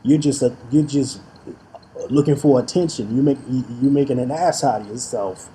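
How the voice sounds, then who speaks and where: A man with a very dark, mellow voice talks straight to his audience in a casual vlog. He stumbles and repeats words as he goes and turns defiant when he calls out his critics. A faint noise sits under his voice. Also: mid-range voice, moderate pace. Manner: stutters and restarts phrases; defiant, challenging tone toward critics. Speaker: YouTube vlogger and figure collector.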